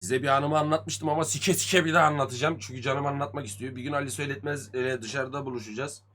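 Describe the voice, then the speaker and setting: Bright, brash man joking with chat. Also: medium pitch, fast talker. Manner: crude, swearing, joking banter; lively, swings loud and soft. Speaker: streamer. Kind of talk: casual live-stream chat with viewers.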